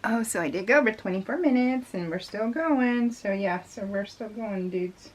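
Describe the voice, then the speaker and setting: A middle-aged American woman who makes craft videos talks in voice-over while she crafts, rambling and giggling through personal stories and acting out remembered conversations. She speaks at medium pitch and a moderate pace.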